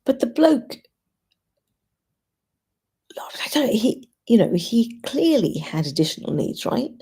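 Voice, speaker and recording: Husky, gravelly woman chatting on a livestream. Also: on the high side, very animated, normal speed, mellow. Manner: informal, opinionated, thinking aloud. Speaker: livestream host. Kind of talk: casual chat to live commenters.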